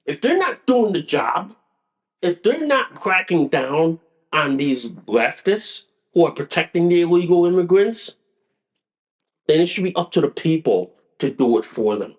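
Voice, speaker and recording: High-voiced man ranting on a podcast. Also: sing-song, unhurried. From United States. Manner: angry, repetitive, stumbling restarts, profane. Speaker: podcast host. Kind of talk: solo political rant.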